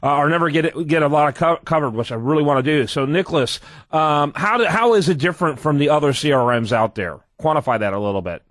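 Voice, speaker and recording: A talk show host with a fairly high voice for a man runs the show briskly. The sound is close and dry, and he keeps the guest on track. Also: animated, dry recording. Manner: brisk, plugs the website and steers the guest. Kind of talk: radio talk show hosting.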